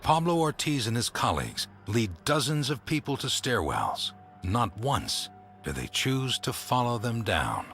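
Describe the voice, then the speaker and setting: A man giving scripted documentary narration in a measured, grave storytelling manner. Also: medium pitch, sing-song, fairly bright tone. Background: music.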